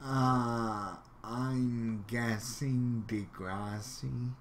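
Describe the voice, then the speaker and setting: A man's voice: medium pitch, steady tone, extremely slow, a little hiss or hum. A man reading out would-you-rather questions and answering them offhandedly in casual commentary. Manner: reads questions aloud, then answers offhand. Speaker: YouTuber.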